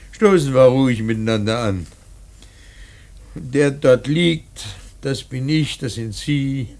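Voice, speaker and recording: In a radio drama, a man plays a bitter old painter grieving his dead son, delivering a rambling, theatrical monologue in solemn grief. His mid-range voice is husky, gravelly, worn and a little mellow, halting and emphatic as it swells from murmurs to outcries.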